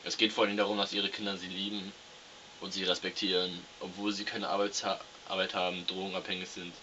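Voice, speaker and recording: A man's voice: deep voice, little pitch movement, quick pace, bright, forceful tone. A man playing an earnest TV field reporter conducting a mock news interview on a hissy recording. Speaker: co-host. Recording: dull, hissy, noisy recording.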